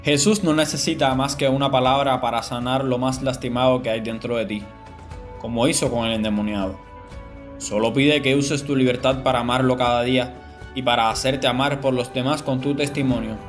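A man with a mid-range voice reads a devotional reflection in an earnest, measured way. Soft music plays quietly beneath him. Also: mid-range voice, steady tone. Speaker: reader of a Gospel reflection. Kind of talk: scripted devotional narration.

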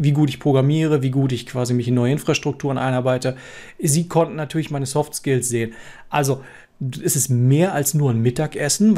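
Speaking in a mid-range, slightly mellow voice, this software developer vlogger is a middle-aged man from Germany with a standard Hanover accent. He relates his own story to camera in a relaxed, conversational way, often using fillers and starting over.

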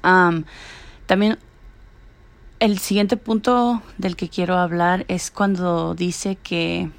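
A woman's voice: lowish voice, vocal fry. A young woman talking through her views on an article, hesitant, with many fillers and restarts. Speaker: student podcaster. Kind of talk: casual spoken reflection on an article.

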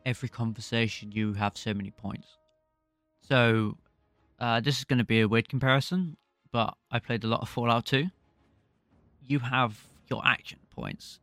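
A man's voice: medium pitch, a bit bright, no echo. A man co-hosting a casual gaming podcast, thinking aloud in a rambling way. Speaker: podcast co-host.

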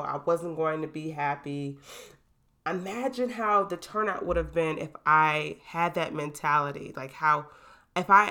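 A young woman hosting her own podcast, talking casually in an animated, hype-building way into a new microphone. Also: on the low side. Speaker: podcast host. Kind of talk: casual solo podcast talk.

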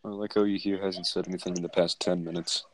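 A very low-pitched speaker chats casually with friends. The manner is wry and mock-dramatic, over faint noise and mic clicks. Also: little pitch movement, fast talker.

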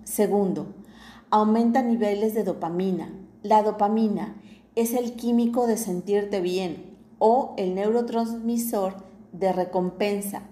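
A woman reading a scripted inspirational narration in a measured, deliberate way, pausing between phrases. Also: medium pitch, mellow, roomy sound. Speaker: narrator of a reflective series.

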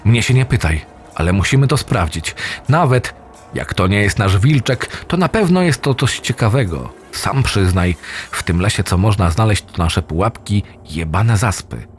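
A man's voice: on the low side, expressive, moderate pace, a little hiss or hum, close to an everyday voice. A man voicing a pushy, foul-mouthed young man in a spoken horror story. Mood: insistent. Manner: swearing, pushy, sure of himself. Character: brash crude young man, bossy friend.

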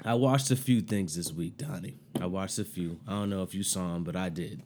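A man's voice: low-pitched, fairly quick, darkish tone, slight background noise. A young man co-hosting a casual podcast chat, loose and profane, often breaking into laughter between phrases. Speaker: podcast co-host.

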